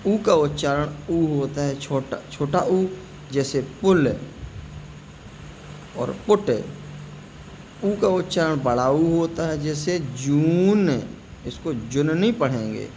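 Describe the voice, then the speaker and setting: A man teaching English pronunciation, slowly spelling out words letter by letter and repeating them. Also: on the high side, animated, darkish tone, slight background noise, low-quality recording. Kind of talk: spoken classroom-style lesson.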